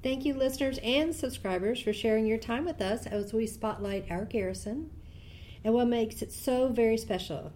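A woman's voice: fairly high pitch, normal speed, a little mellow, slight background noise. An American woman co-hosting a podcast for a public affairs office, speaking in a cheerful, friendly way. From United States. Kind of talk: podcast interview.

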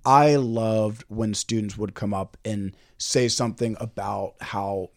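A man's voice: lowish voice, fairly even intonation, slow pace, no echo, clean studio sound. A young man, a former class president, chatting casually as a podcast guest, telling rambling, self-interrupting stories. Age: young adult. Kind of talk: casual storytelling chat.

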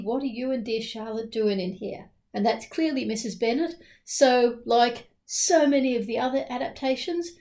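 A woman co-hosts a book podcast, chatting casually and opinionatedly about books with emphatic repeats. Her voice is fairly high, creaky, and warm in tone.

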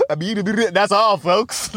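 Recorded dry, a young male podcast host with a high, fairly bright and slightly rough voice rambles along casually. He laughs often, swears freely, stutters and turns the jokes on himself.

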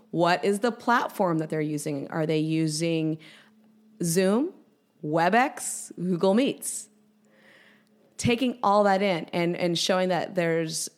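A woman educator, a guest on a podcast interview, explaining with energetic, animated storytelling. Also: fairly low pitch.

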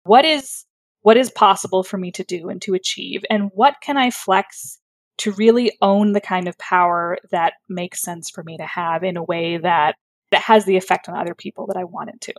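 A woman speech therapist explains her work conversationally, thoughtful and articulate, though she uses fillers and corrects herself. Her voice is lowish and her speed normal.

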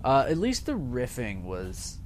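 A man co-hosting a casual podcast chat, giving critical opinions in halting sentences full of restarts. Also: mid-range voice, huge pitch swings, darkish tone, a little hiss or hum. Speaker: podcast co-host reviewing a movie episode.

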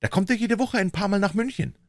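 A man voicing God as a stern, astonished old man who speaks in a measured, reproving way. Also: sits high, no echo, clean studio sound, pitched above the performer's own voice.

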